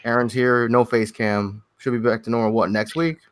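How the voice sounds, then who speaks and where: A man's voice: medium pitch, little pitch movement, normal speed, dry recording. A young man hosting a casual gaming podcast, chatty and loose, often restarting his sentences. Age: young adult. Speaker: podcast host.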